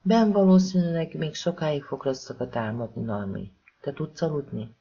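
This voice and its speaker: An audiobook narrator voicing a gentle, weary young woman who speaks softly and tenderly. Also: mid-range voice, slight background noise, natural voice. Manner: soft, motherly, tender. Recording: slightly dull lo-fi recording.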